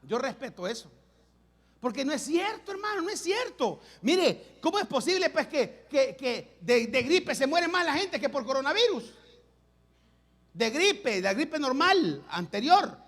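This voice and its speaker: A man preaching a sermon as pastor, repeating phrases and swinging between loud calls and hushed lines. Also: extremely high pitch.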